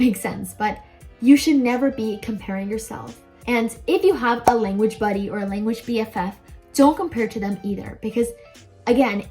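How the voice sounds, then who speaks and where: A young adult woman hosts a language-learning video, offering viewers casual advice. Her voice is a little high and warm, and she comes across chatty, informal and emphatic.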